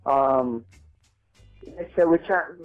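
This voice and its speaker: A man's voice: medium pitch, takes it slowly. Man talking over the phone. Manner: rambling, repeats "you know what I mean". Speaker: reggae artist guest. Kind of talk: phone interview, casual. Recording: tinny phone line, faint music behind.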